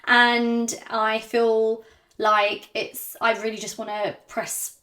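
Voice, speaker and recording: A woman vlogging to camera without a script, hesitant and self-conscious, with many ums and pauses, and slightly out of breath. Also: fairly high pitch, level tone, bright, forceful tone. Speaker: YouTuber. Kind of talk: unscripted talk to camera.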